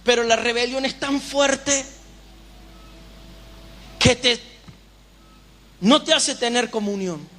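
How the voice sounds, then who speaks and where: A man's voice: very high voice, slow, long pauses, a bit bright. A man preaching a sermon at a church service, giving fervent testimony and firing rhetorical questions at the congregation. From Uruguay.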